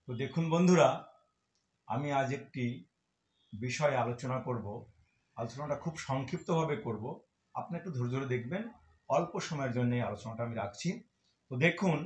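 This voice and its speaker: High-voiced man giving an echoey devotional talk. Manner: explanatory, counts out numbers step by step. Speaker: devotional speaker.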